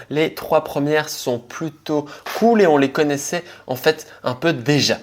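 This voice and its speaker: A man explains a web framework update in a relaxed screen-share tutorial. He speaks informally, addressing the viewer directly and dropping quick asides as he goes. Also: on the high side. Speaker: tech tutorial host.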